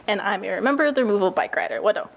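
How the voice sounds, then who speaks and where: Young woman at mid pitch, reciting a short memorized introduction. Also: expressive, racing, creaky, heavy background noise. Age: 20s. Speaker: bike rider introducing herself. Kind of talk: formal introduction in Cherokee then English.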